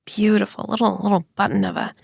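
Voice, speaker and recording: A woman co-hosting a casual podcast, teasing and expressive. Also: medium pitch, fast, vocal fry, slightly rough, no echo, studio quality. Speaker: podcast co-host. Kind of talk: casual chat.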